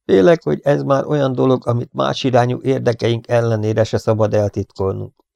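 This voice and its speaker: A man voicing a steady, hardened male sea captain in an audiobook, speaking firmly and gravely. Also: mid-range voice, no room sound, pitched above the performer's own voice, lightly acted.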